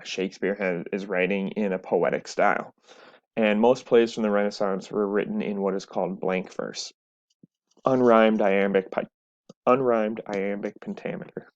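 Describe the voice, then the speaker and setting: A man's voice: on the low side, normal speed, darkish tone. Male teacher, recorded lecture over a webcam, slightly dull sound, patient explanations. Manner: explanatory, with frequent "right?" and "so".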